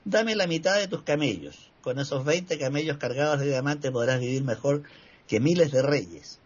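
A man voicing a wise, patient male dervish in a told tale, in a husky voice. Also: fairly high pitch, moderate pace. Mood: calm. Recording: slightly muffled recording.

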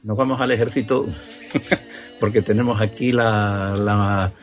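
A man's voice: on the low side, fairly even intonation, unhurried. Man co-hosting a radio chat, explanatory and full of restarts, muffled lo-fi tone with faint music behind. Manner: chatty, explanatory, lots of restarts. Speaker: radio co-host presenting old recordings. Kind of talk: casual on-air chat. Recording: muffled lo-fi recording.

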